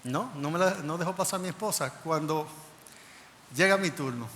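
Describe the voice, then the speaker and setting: A male pastor preaching a sermon, telling a personal story in an animated way and acting out the dialogue. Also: on the high side, normal speed. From Dominican Republic. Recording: reverberant church hall, faint noise.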